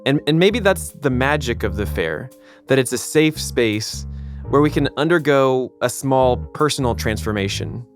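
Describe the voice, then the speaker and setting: A man narrating a podcast episode in a measured, reflective scripted style. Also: mid-range voice, lively intonation, music in the background.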